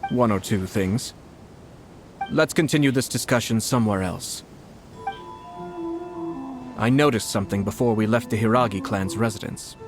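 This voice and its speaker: Brief: actor as a poised, shrewd young lord, polite and measured, mid-pitched, music playing underneath. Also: male voice, close to an everyday voice. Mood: calm. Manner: calm, measured, courteous formal speech. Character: composed young male noble commissioner, shrewd and polite. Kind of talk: game cutscene voice acting. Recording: dialogue over music score. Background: orchestral game music.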